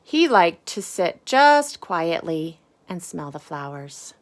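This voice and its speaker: A woman reading a children's storybook aloud with casual asides, in deliberate phrases with emphasis on key words. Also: fairly low pitch, very animated, slight background noise. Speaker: storybook reader.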